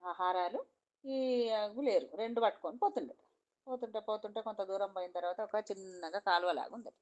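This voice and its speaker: A woman's voice: mid-range voice, brisk. A woman with a Telangana accent telling a folk tale in a chatty, repetitive oral style. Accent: Telangana Telugu. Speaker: storyteller.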